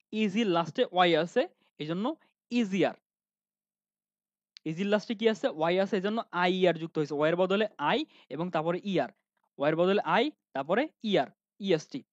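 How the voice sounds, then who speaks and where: A man's voice: high voice, lively intonation, moderate pace, pauses often, no room sound, lo-fi sound. A man teaching an online grammar lesson, often asking questions and answering them himself, with many fillers.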